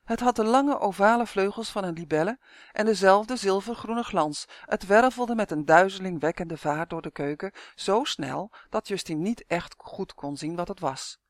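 A woman narrating a children's fantasy story aloud in an even, clear manner. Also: mid-range voice, normal speed, no echo, clean studio sound.

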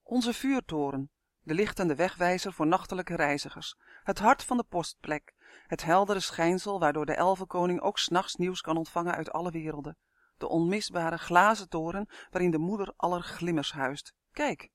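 A man voicing a brusque, loud male dwarf traffic controller in an audiobook. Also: high-pitched, normal speed, no room sound, studio quality, natural voice. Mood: exclaiming. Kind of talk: audiobook character voice.

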